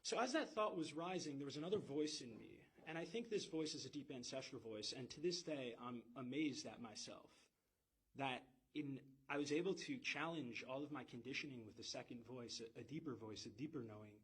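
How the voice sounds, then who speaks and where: A man's voice: medium pitch, fairly quick, a bit bright, husky, rough recording. A man giving an intense, emphatic personal testimony and swearing now and then. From United States. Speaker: speaker telling his own story.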